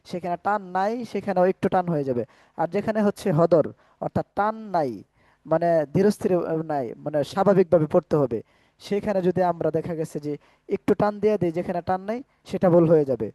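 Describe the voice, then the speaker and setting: A man teaching an online Quran class, patiently explaining letter sounds and vowel marks step by step, now and then chanting phrases in slow drawn-out recitation. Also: sits high, mellow, dry recording.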